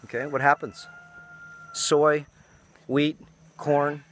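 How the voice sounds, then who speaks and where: A man's voice: fairly high pitch, little pitch movement, slow, a little hiss or hum. A man in his fifties giving an outdoor lecture on a farm, often adding "okay?" after his points. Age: 50s.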